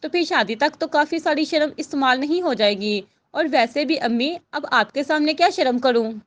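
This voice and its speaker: A woman's voice: sits high, lively intonation, normal speed. A woman voicing a witty, teasing young daughter in a storybook reading. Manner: playful, wry.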